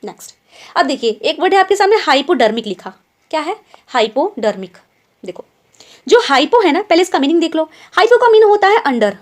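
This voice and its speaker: A young woman teaches an online vocabulary lesson in a high, bright voice. Her pitch swings up and down a lot as she explains each word in Hindi mixed with English, then quizzes her students and checks in with them after nearly every point. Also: very animated, fairly quick. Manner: keeps asking quiz questions and tag checks like "ठीक है?".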